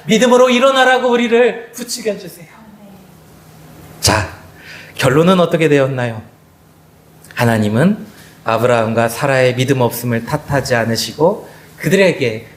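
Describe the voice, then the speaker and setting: A man preaching a Sunday sermon as pastor, swinging his voice high and low and talking straight to the congregation. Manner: addresses the congregation directly. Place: church sanctuary. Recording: echoey church sanctuary.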